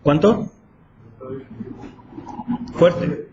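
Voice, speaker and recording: A man's voice: drawn-out words, darkish tone, muffled recording, a little hiss or hum. A man teaching math in a classroom, quizzing students with repeated questions. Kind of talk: classroom lecture.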